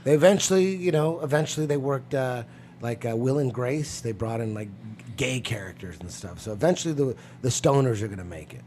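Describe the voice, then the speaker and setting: A man with a mid-pitched voice talks loosely in casual podcast chat. His talk wanders from point to point. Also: expressive, a little fast, darkish tone, a little hiss or hum.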